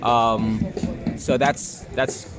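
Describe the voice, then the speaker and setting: Speaking very slowly in a level, mid-range voice, a young New York actor and filmmaker chats casually as an interview guest, often hesitating and using fillers. Music plays in the background, and the recording also picks up noisy outdoor city traffic.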